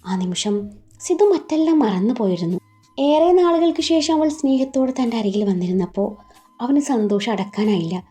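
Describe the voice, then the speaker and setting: A woman storyteller reading a romance in a steady, even voice. Her tone is mellow and set fairly high. Soft music plays faintly underneath. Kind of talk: storytelling narration.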